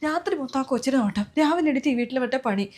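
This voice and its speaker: A woman's voice: high-pitched, animated, a little mellow. A woman playing an exhausted, overworked sister-in-law who complains and rants in a comedy sketch. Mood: furious. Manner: complaining, rapid, exasperated. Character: overworked elder sister-in-law, weary and fed up.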